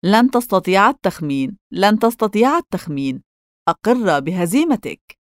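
A woman's voice: mid-range voice, sing-song, unhurried, no echo, clean studio sound. A woman voicing a cocky, mischievous young boy who loves games, with a cheeky, boastful way of talking in a storybook reading.

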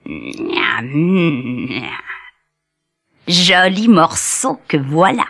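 A woman voicing a greedy male wolf in a children's storybook, speaking low. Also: very animated, very slow, a bit bright, faint music behind, full character voice.

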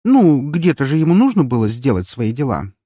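A man's voice: mid-range voice, very animated, a little fast, dark tone, slightly rough, dry recording, clean studio sound, pitched above the performer's own voice. A man voicing a mocking, playful young woman who teases and laughs in a storybook reading. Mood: amused. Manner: teasing, laughing.

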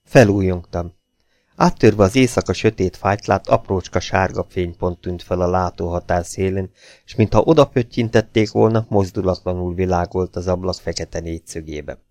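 A man calmly narrating an audiobook in the first person. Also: deep voice, dry recording. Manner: calm, measured first-person telling. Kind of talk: scripted narration.

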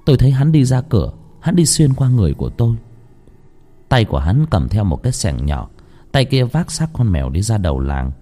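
A man narrating a ghost story in the first person, emotional and dramatic, swinging from hushed lines to pleading cries. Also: on the low side, big pitch swings, fairly quick. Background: faint music.

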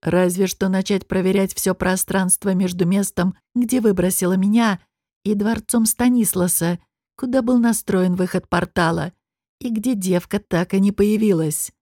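A woman voicing an arrogant male higher demon who talks with cool scorn. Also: no echo, clean studio sound, lightly acted. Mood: scornful. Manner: calm, mocking, unhurried.

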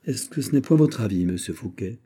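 A man's voice: on the low side, animated, brisk, mellow. A man voicing an eager, pushy queen mother who talks insistently.

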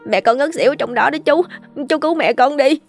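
A woman's voice: medium pitch, normal speed, a little mellow, faint music behind, close to an everyday voice. A woman voicing a poor, frightened young boy who pleads through tears. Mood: pleading sobbing. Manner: crying, pleading.

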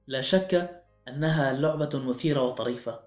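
A man's voice: medium pitch, normal speed, darkish tone. Man narrating a suspenseful audiobook. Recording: echoey room with faint music.

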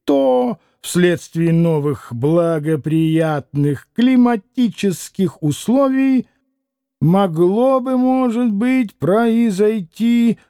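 A man's voice: high-pitched, lively intonation, extremely slow, mellow, smooth, no echo, clean studio sound, heavily acted. A man reading the part of a haughty, impatient male doctor who speaks in curt, clipped phrases.

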